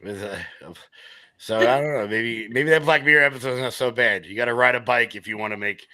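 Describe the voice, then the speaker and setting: A man on a casual panel chat who talks in a joking, sarcastic way with animated asides. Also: medium pitch, fairly quick, dry recording, rough recording.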